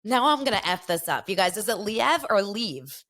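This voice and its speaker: A young woman hosting a podcast in Los Angeles keeps things casual, gossiping animatedly as she goes through viewer comments. She's very animated, speaking at a moderate pace in a medium-pitched, slightly bright voice.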